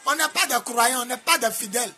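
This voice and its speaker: A man from Côte d'Ivoire with an Ivorian French accent, preaching a sermon in a sing-song cadence with sudden shouts. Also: extremely high pitch, a little fast, faint music behind. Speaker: apostle preacher.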